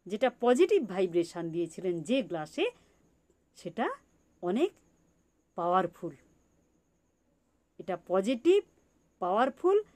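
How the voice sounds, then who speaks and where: Woman teacher, slow and animated, repeats herself and asks questions. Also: mid-range voice. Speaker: spiritual teacher. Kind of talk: teaching talk on meditation in farming.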